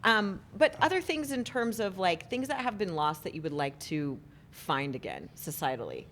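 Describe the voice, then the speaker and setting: A woman's voice: lowish voice, big pitch swings, moderate pace, fairly bright tone. A woman co-hosting a podcast in casual chat, telling stories and laughing often. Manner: chatty, laughs often, storytelling. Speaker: podcast co-host.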